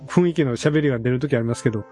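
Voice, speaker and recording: A man from Osaka with a Senshu Osaka accent, hosting a casual podcast chat with animated, quick talk and laughing asides. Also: mid-range voice, soft background music. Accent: Senshu Osaka dialect. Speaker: podcast host.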